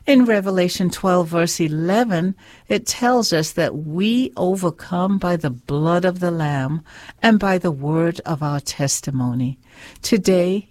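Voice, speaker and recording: A woman preaches and reads scripture on a faith radio show, speaking slowly and earnestly in a slightly low, darkish voice. The recording is dry and close.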